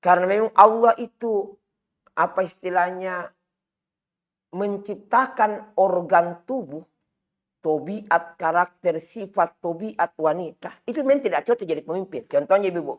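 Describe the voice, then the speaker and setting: A man with a Makassar Indonesian accent giving a religious lecture, emphatic and repetitive, climbing higher to stress his points. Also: a little slow. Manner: emphatic, repetitive, rising to raised pitch for stress. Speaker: Islamic teacher. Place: study hall. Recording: dull lo-fi recording.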